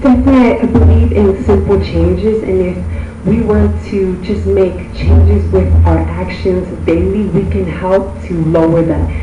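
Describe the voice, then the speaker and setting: A young woman from Tonga, answering formal pageant questions in an earnest, measured way. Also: mid-range voice, fairly even intonation, lo-fi sound. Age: young adult. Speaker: pageant contestant. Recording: echoey room from far off, music behind.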